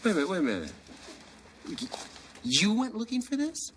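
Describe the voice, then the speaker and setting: A man's voice: high voice, wildly swooping pitch, brisk, fairly bright tone, slight background noise, full character voice. A man playing a teasing single father in a 1990s sitcom, with dry, sarcastic wit. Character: wry, teasing middle-aged single dad.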